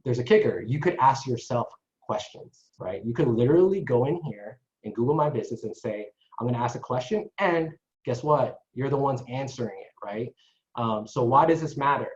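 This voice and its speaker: A man's voice: mid-range voice, expressive, normal speed. A man giving a casual marketing webinar to salon owners, chatty and constantly checking in with the listeners. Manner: chatty, tags sentences with "right?". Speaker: marketing consultant presenter. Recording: echoey dull lo-fi online call.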